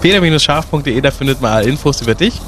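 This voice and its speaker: A man's voice: mid-range voice, lively intonation, quick pace, a bit bright. Cheerful male radio host, noisy backdrop. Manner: laughs often, short agreeing replies. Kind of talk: casual radio cooking segment.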